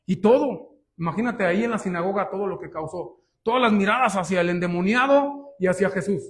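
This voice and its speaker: Man, pastor, sermon, high voice, emphatic, rhetorical questions. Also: brisk. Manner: emphatic, rhetorical questions, often says "hermanos".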